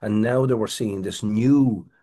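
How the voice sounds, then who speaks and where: A middle-aged Irish man with a very low voice and a husky edge tells a rambling story as an interview guest. He circles back and restarts his sentences as he goes. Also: a little slow, dark tone. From Ireland. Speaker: guest, crime writer.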